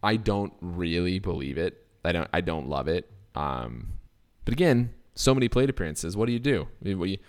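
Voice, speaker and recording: A man co-hosting a fantasy baseball podcast in casual chat, animated and laughing often. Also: low-pitched. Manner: animated, laughs often, quick bursts of enthusiasm.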